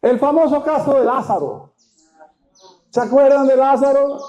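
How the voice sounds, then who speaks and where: A pastor preaching a sermon, retelling scripture dramatically and firing rhetorical questions at the congregation. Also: male voice, very high voice, normal speed, warm tone. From Venezuela. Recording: dull lo-fi sound.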